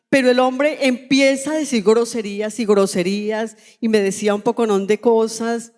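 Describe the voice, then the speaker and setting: A woman pastor with a Colombian accent preaching a sermon as personal testimony, telling her story with emotion and acting out the dialogue. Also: fairly high pitch. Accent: Colombian Spanish. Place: large church hall. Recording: long church-hall reverb.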